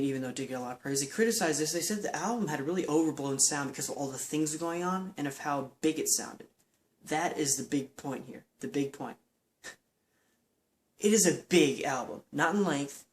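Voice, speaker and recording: A man's voice: on the high side, slight background noise. A man giving a casual, enthusiastic album review. He rambles, with lots of "um" and "like" and restarts.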